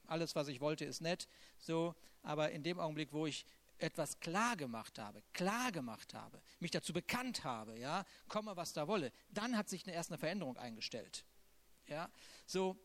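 A man with a rather high voice preaches a sermon. He talks loosely and conversationally, with a playful humor, as if thinking aloud. His voice stays light and high. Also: fairly bright tone.

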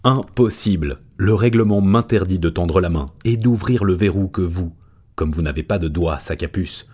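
A man's voice: sits low, moderate pace, darkish tone, breathy edge. A man voicing a spiteful, rule-obsessed male chimpanzee in an audiobook reading, shrieking his lines. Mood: snippy.

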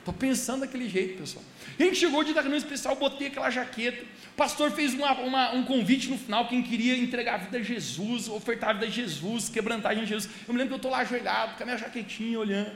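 A man's voice: very high voice, quick pace, fairly bright tone. A young man, preaching a sermon as a chatty story and often addressing the congregation directly. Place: church service in a large hall. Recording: echoey hall, faint background hiss.

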